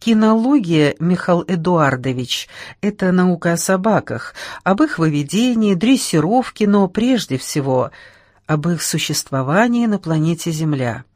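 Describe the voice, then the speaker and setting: A woman's voice: on the low side, animated, unhurried, a little mellow, no echo, studio quality. Woman voicing a tipsy rambling man. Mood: lecturing. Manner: mock-lecturing, sing-song declaiming.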